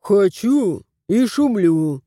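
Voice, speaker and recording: A cranky little bearded house spirit, put on by a woman reading aloud grumbles in old-fashioned phrases. The voice is mellow and unhurried, and the pitch moves a lot. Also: big pitch swings, dry recording, clean studio sound. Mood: grumbling. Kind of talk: audiobook character voice.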